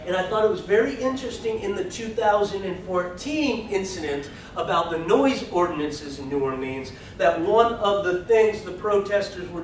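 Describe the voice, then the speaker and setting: A man's voice: high-pitched, slight background noise. A man giving an academic lecture, hesitant and full of fillers and restarts. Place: lecture hall. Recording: echoey hall from far off.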